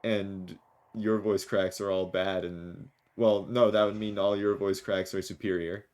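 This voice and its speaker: A man's voice: low voice, little pitch movement, a little slow, a little mellow. A man streaming a video game, chatting jokily and reading the dialogue aloud. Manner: jokey, rambling, reads lines with small voices.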